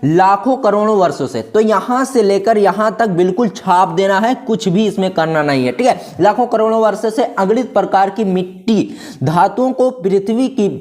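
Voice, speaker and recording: A man's voice: high voice, darkish tone. A man teaching a Hindi exam-prep lesson, explaining step by step and often checking that students follow. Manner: explains step by step, keeps checking "ठीक है", calls students "दोस्तों" and "बाबू".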